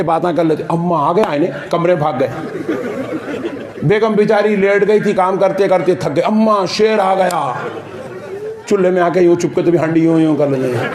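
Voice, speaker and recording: A man preaching a sermon, animated and playful, often mimicking family members for the crowd. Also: high voice. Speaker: Islamic preacher.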